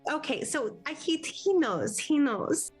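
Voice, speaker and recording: A woman plays a tabletop role-playing game, chatting casually and describing her character's actions. Her voice is high-pitched, animated, and a little slow, with music playing behind it.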